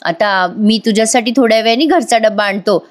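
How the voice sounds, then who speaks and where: A woman reading a gentle caring young man. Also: a little high, brisk, natural voice.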